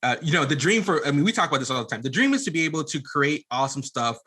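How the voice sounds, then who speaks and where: Speaking very fast and with great animation, this man has a rather high, pushed, bright voice. He's an entrepreneur and audio drama producer appearing as a podcast guest, chatting casually and often starting his sentences over while describing what he does.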